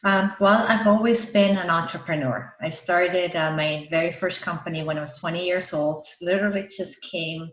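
An Austrian parenting coach, a woman with a lowish, fairly bright voice, answers interview questions as a podcast guest at a normal speed with hardly any pauses. She explains her work earnestly, laughing between points. The recording sounds roomy, dull, and lo-fi.

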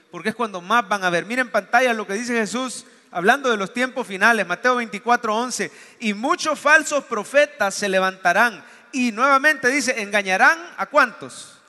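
Male pastor, high bright voice, lively preaching in a church with long reverb. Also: moderate pace, few pauses. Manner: animated storytelling, acts out dialogue. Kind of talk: sermon.

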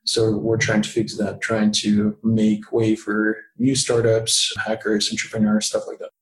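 A man's voice: lowish voice, monotone, a little slow. A man with a slight Russian accent answering conversationally as an interview guest. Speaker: interview guest, tech startup co-founder. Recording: roomy, echoey sound.

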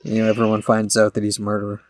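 A man's voice: lowish voice, completely flat delivery, rapid-fire, no room sound, studio quality. A man co-hosting a podcast in casual chat, rambling through explanations with many fillers. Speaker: podcast co-host.

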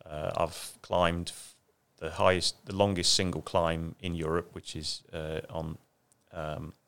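Low gravelly man in his fifties. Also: little pitch movement, measured pace, fairly bright tone. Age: 50s. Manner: rambling, self-deprecating, laughs often. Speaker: guest. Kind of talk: casual chat.

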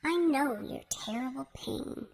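Kind tiny fairy, high and soft, slightly gravelly edge, put on by a woman storyteller. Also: expressive, a little slow, crowd noise, heavily acted. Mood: gentle. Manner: soft, patient, coaxing. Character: kind gentle female fairy healer.

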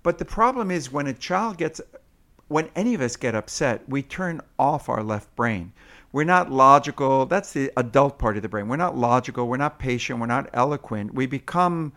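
Man, interview guest, explaining patiently, mid pitch, sing-song bits. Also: animated, normal speed, fairly bright tone. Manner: acts out sing-song parent voices. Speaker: parenting expert guest.

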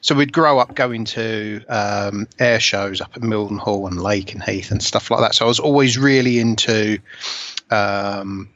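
A man in his forties from Essex, England, speaking with an Essex accent, chats casually as an interview guest about his life and his scale model hobby, poking fun at himself. His voice is fairly low, a little slow, and a bit bright, with no echo, on a slightly dull, lo-fi recording.

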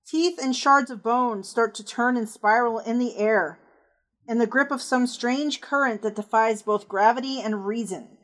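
A woman game master giving hushed, suspenseful narration of a tabletop horror game, setting each scene deliberately and descriptively. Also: on the high side.

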